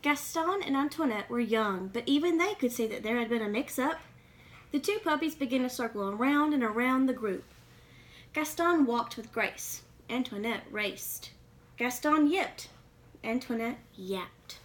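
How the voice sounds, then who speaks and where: A woman reads a children's picture book aloud with expression, tossing questions to her young listeners. Her voice is fairly high and lively in intonation, and she takes her time.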